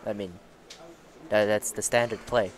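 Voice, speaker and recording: A man's voice: lowish voice, steady tone, unhurried. A man doing casual live commentary on a card game match, chatty, laughing often and swearing casually. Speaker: tournament commentator. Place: busy card tournament venue.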